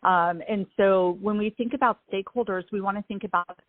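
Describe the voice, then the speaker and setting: A woman's voice: mid-range voice, steady tone, fairly quick, dry recording. Woman on a breaking-up phone line. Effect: phone connection breaking up, cutting in and out. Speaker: district English curriculum director. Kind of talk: radio interview guest. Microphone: phone held to her ear.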